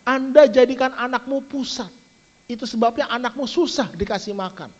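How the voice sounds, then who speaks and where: A middle-aged pastor preaching with a high, lively voice that keeps turning to address his congregation. The sound is dull and lo-fi, like an online church service stream. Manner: lively preaching, often adds "saudara". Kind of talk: sermon.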